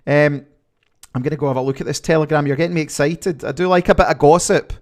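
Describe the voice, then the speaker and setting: A livestream host with a Glaswegian accent chats casually and reads viewer comments, rambling with plenty of fillers. He talks fast in a voice on the high side with a steady tone.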